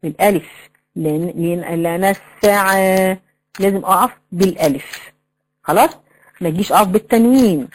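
A woman's voice: fairly low pitch, brisk, long pauses, slightly rough, poor audio. A woman with an Egyptian accent teaching a tajweed lesson, explaining rules, quizzing her students and drawing out recited examples. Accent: Egyptian Arabic.

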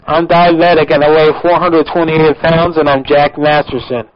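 A jittery, rambling middle-aged man who claims to be a veteran, rattling on over a muffled phone line, as a radio host puts him on. His voice sits a little high for a man, and he keeps tacking "man" onto his sentences. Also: little pitch movement, normal speed, close to an everyday voice. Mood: complaining. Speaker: prank caller.

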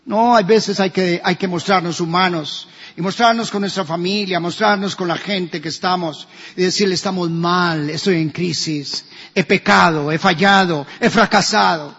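A man's voice: high voice, steady tone, normal speed, a bit bright, slightly rough. A man preaching a sermon as pastor, asking his congregation questions. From Colombia. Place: church hall. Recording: dull, echoey church recording.

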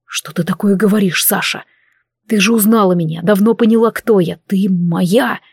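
A woman's voice: moderate pace, a little mellow, breathy edge, dry recording, studio quality. A woman doing a growling dragon king. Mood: possessive. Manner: low commanding growl.

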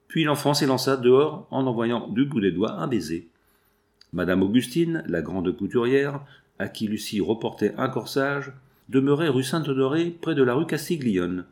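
A man narrating a novel as an audiobook reader, with a measured, expressive delivery. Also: medium pitch.

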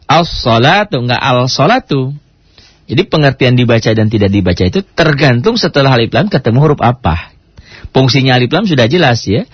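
A man teaching Quran reading, explaining step by step, asking rhetorical questions and reciting Arabic words slowly for practice. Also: medium pitch, slightly rough, no echo, muffled recording. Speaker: religious teacher.

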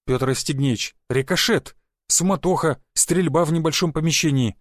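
A man voicing a grim, tight-lipped male secret police agent who reports in a flat, terse way in an audiobook. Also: fairly high pitch, moderate pace, no room sound, studio quality, natural voice. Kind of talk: audiobook character voice.

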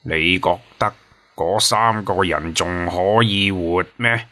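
Brief: a man playing a heartless leader, low and deliberate, every word cold and clipped. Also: exaggerated voice. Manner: slow, flat, icy and mocking. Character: cold, ruthless mute-nicknamed team leader, man.

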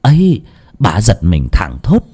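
A man telling a dramatic village story as narrator, animated and shifting into character voices. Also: fairly low pitch, slow, slightly rough.

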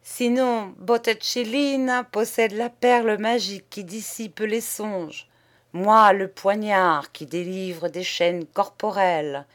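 A woman's voice: mid-range voice, fairly even intonation, slow pace, pitched above the performer's own voice, close to an everyday voice. A woman voicing an impassioned male poet who pleads fervently and declaims. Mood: imperious.

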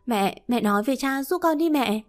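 A woman's voice: high-pitched, lively intonation, normal speed, faint music behind, pitched above the performer's own voice. A woman voicing a spoiled young daughter, pleading and near tears.

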